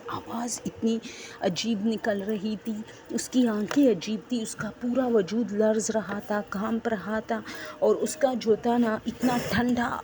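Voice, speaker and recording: A woman's voice: on the high side, noisy background. A woman telling her own horror story in a rambling, unscripted, conversational way.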